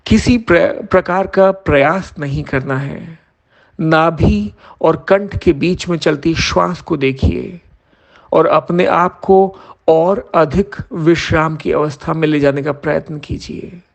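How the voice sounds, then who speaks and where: Guiding a yoga nidra session, this man speaks as an instructor in a gravelly voice on the high side. He delivers measured, short phrases with pauses between them.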